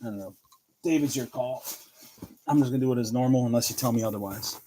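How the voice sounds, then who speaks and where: A man's voice: medium pitch, fast talker, mellow, a little hiss or hum. A man hosting a live card break, chatting casually, calling out players and laughing often. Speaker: card breaker livestream host.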